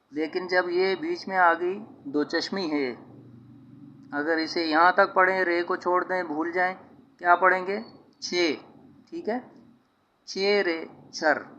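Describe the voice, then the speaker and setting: A man's voice: sits high, sharp tone, highs cut off, slight background noise. A man teaching handwriting from slides, patiently sounding out letters and often checking in with "theek hai". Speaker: Urdu writing teacher. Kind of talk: slide-based handwriting lesson.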